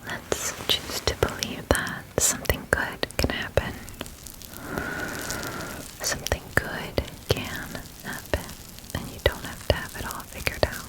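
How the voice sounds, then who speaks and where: A woman playing a gentle, nurturing garden fairy in a soothing, affirming ASMR whispered role-play. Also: close to an everyday voice, poor audio. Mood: soothing, tender. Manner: soothing, affirming, slow and deliberate. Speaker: ASMR performer.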